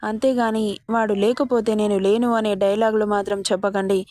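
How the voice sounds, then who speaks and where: A woman's voice: medium pitch, level tone, brisk, mellow, no echo, studio quality, close to an everyday voice. A woman voicing a rude, dismissive young adult son in a storybook reading, speaking bluntly and with scorn. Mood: scornful.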